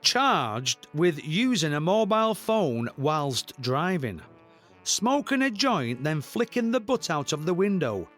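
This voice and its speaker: A man's voice: fairly high pitch, sing-song, slow pace, fairly bright tone, faint music behind, pitched above the performer's own voice, exaggerated voice. A man playing a timid, pleading defence lawyer. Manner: hesitant and pleading.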